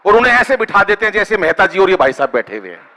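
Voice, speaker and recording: A high, bright-voiced man performs stand-up comic poetry into a stage microphone. He banters with the crowd, teases people in the seats and keeps asking for claps. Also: big pitch swings, fast, long reverb tail. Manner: bantering with the audience, asks for applause. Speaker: stand-up poet. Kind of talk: kavi sammelan comic poetry.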